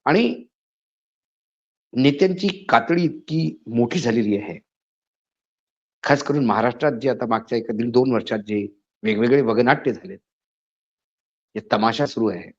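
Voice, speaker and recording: A man delivers a spoken editorial in an indignant tone. His voice sits at a middle pitch and climbs into emphatic peaks. The recording sounds a little dull and lo-fi. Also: normal speed, pauses often. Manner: indignant, rising to emphatic outbursts. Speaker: political commentator. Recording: slightly dull lo-fi audio.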